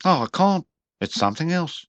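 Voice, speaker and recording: A man voicing a tiny, excitable young male kangaroo who chatters high and eager. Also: normal speed, no room sound. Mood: excited.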